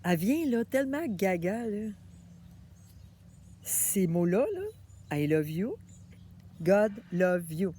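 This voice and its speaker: A woman with a Québécois French accent talks straight to her viewers in a loose, animated vlog monologue. She sounds chatty and familiar, her voice sitting at an ordinary middle pitch. A faint hum of background noise sits under her. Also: slow, pauses often. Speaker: vlogger.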